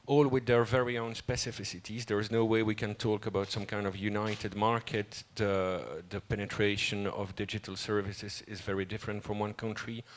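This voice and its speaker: A man's voice: on the low side, flat delivery, normal speed, hardly any pauses, a little hiss or hum. A man moderating a conference panel, leading with light, wry introductions. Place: conference hall stage.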